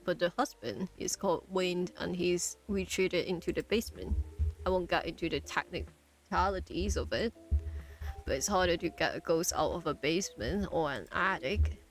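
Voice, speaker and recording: A woman's voice: on the low side, normal speed, soft background music, close to an everyday voice. A woman reading aloud a ghost-hunting character from a game, telling the story in a wry, matter-of-fact way.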